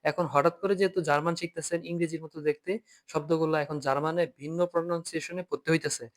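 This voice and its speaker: A man's voice: on the high side, fairly even intonation, fast talker. A man teaching an online German class by video call, patiently repeating each point and asking students to read aloud.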